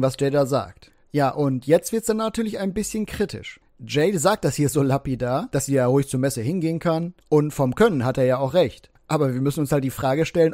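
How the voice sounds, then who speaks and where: A German man with a slightly high voice walks through the details of online drama in a measured, explanatory way. The sound is close and dry, with no room around it. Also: darkish tone, no room sound. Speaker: commentary channel host. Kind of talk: drama commentary.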